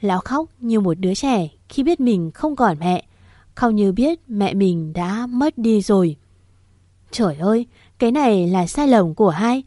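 A woman's voice: medium pitch, animated, measured pace, mellow, dry recording, clean studio sound. Woman narrating an emotional audio story. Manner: emotional, dramatic reading.

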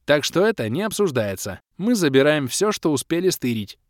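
A brash young rogue from a fantasy storybook, haggling with mocking, pushy confidence, as a male narrator plays him. His delivery leaps up and down with lively emphasis, and it is recorded close and dry. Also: a little high, normal speed, no room sound, voice pushed up.

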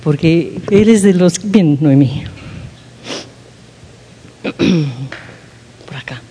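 A woman's voice: fairly low pitch, very slow, warm tone, a little hiss or hum. A woman giving an informal sermon talk at a women's church gathering, candid and self-mocking, often checking in with her listeners. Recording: long hall reverb.

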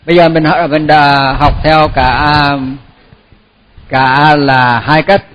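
A man teaching a Buddhist chant, repeating each syllable slowly and then explaining the pronunciation in casual talk. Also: on the high side, flat delivery, a bit bright, lo-fi sound. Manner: slow, repeats syllables for pupils to echo. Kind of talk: chanting lesson.

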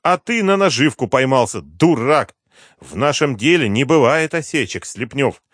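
A man voicing a scheming, mocking older general who smirks, taunts and speaks hoarsely. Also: mid-range voice, lively intonation, normal speed, fairly bright tone, no echo, clean studio sound, voice pushed up.

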